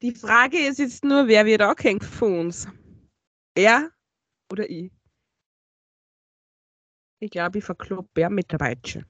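A woman's voice: medium pitch, takes it slowly, long pauses, fairly bright tone, dry recording. A woman co-hosting a podcast in casual chat, giggly and teasing with flirty jokes. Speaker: podcast co-host.

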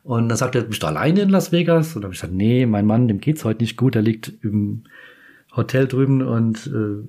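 Husky guy from kaiserslautern rambling thru a story on his podcast, keeps restarting his sentences. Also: medium pitch, steady tone, normal speed, mellow. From Kaiserslautern, Germany. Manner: chatty, meandering, self-correcting. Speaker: podcast host. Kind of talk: casual storytelling anecdote.

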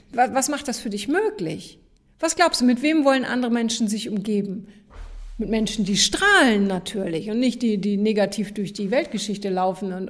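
An encouraging woman talks straight to the listener in her motivational podcast. Her tone is friendly and coaching, and she keeps checking in with a little "ja?". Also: mid-range voice. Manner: encouraging, addresses listener directly, frequent "ja?" tags.

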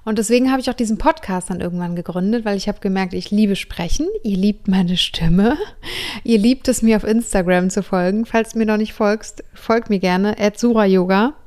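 A woman's voice: medium pitch, moderate pace, darkish tone. A woman in her thirties, a yoga teacher hosting her own podcast, telling her life story in a heartfelt, enthusiastic way and sprinkling in English words. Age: 30s. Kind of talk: personal storytelling monologue.

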